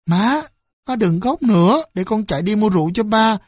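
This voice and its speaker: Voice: medium pitch, lively intonation, normal speed, no echo, pitched above the performer's own voice, close to an everyday voice. Narrator playing a timid frightened boy. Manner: timid, stammering. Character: frightened young son Sơn.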